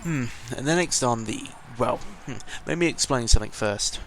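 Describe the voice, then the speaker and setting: Speaking at a normal pace in an animated, mid-range voice, this seventeen-year-old British vlogger rambles casually through an audio log. He's hesitant, tangential and mildly sweary, sounds a little under the weather, and the home microphone recording is noisy.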